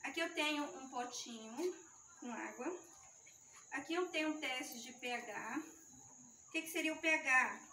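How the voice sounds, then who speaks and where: Explaining a live demonstration step by step for a youth ministry audience, a nervous woman speaks slowly, pausing often, in a high-pitched, sharp-toned voice that wavers. The sound comes from a distant mic in a reverberant space, with a slight hiss or hum.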